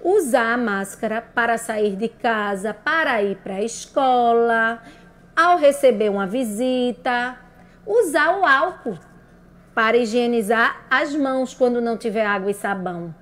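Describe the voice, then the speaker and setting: A woman teacher with a high, bright pitch walks young children through syllables at an unhurried pace. She sounds out each word piece by piece and checks in with a rising question. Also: animated. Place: broadcast lesson for radio and video.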